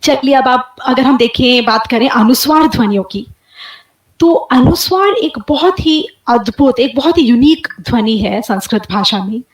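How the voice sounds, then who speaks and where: A woman giving a webinar lecture, demonstrating sounds aloud slowly and clearly. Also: high-pitched, expressive, roomy sound, poor audio. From India. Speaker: guest lecturer.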